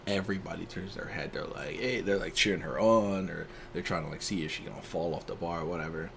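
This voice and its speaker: A man's voice: low-pitched, fast talker, crowd noise. A young man co-hosting a casual chat podcast, a laid-back storyteller who fills his talk with "like". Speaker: podcast co-host. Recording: clear background noise.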